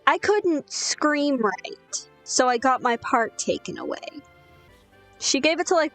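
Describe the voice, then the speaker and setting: A young woman telling a rambling, sweary, self-deprecating story while gaming. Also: mid-range voice. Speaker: gaming streamer.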